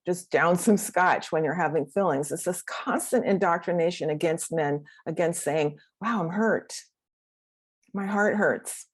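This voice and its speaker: A woman's voice: fairly low pitch, a little mellow. A middle-aged woman, a therapist, speaking earnestly and reflectively to a workshop audience of men, with frequent restarts.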